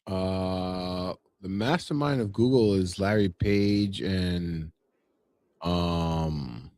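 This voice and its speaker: A man co-hosting a podcast, speaking in a hesitant way with many "uh"s and pauses. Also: sits low, a little mellow, no room sound. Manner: hesitant, full of "uh" and "let's see". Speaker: podcast co-host. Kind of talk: casual chat.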